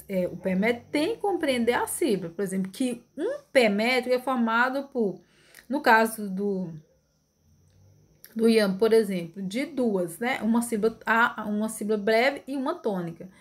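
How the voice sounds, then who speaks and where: A woman gives an informal online literature lecture, recorded on a phone. Her voice sits a little high. She explains step by step, restarts her sentences and keeps checking in with her listeners. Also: lively intonation, normal speed. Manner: explains step by step, often adds tag questions and restarts. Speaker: literature teacher. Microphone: phone screen recording.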